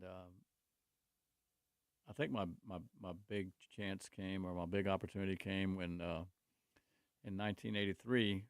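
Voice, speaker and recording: Low-sitting and marked by vocal fry, this man's voice comes through clean studio sound without any room sound. He's in his 60s, owns a construction company, and is a talk show guest in a casual conversation, openly discussing his faith in rambling, frequently restarted stories about his life.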